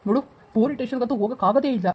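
A woman's voice: a little high, rapid-fire, a little mellow, breathy edge. A woman playing a firm, scolding husband who mixes in English, in a family drama skit.

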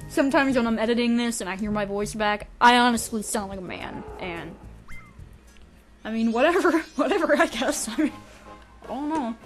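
Young woman rambling thru a let's play, kinda high voice, curses a lot, faint game music behind. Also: lively intonation, moderate pace. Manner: rambling, candid, swears freely. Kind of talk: casual gameplay commentary. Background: faint video game music.

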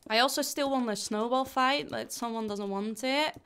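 A woman's voice: a little high, moderate pace, a bit bright, smooth. A young woman chatting casually through a game livestream, giggling often and thanking viewers as she plays.

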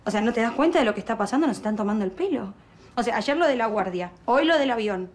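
An Argentine actress plays a fed-up young woman in a telenovela, complaining rapidly and with resentment. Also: fairly high pitch, lively intonation, natural voice. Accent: Rioplatense Argentine. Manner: quick, complaining.

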